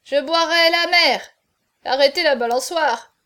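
A reeling, drunken young marquis who stammers and babbles, as a woman narrator puts him on. His voice rides high. Storybook reading. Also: unhurried.

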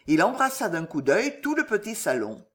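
An expressive audiobook narrator with a mid-pitched voice that rises and falls a great deal. The reading is dramatic and slows down at tense moments, giving weight to each line. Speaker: audiobook reader.

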